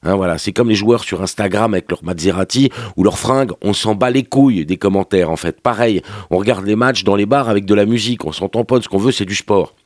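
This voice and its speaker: A man's voice: on the low side, brisk, hardly any pauses, no room sound, clean studio sound. A man with a French accent delivering a sarcastic, slangy TV review as a morning radio columnist. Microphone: studio microphone.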